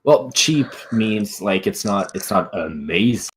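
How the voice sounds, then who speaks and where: A man's voice: lowish voice, animated, a little slow, slight background noise. A man narrating as game master in a casual live-streamed tabletop game, talking loosely with frequent fillers and restarts.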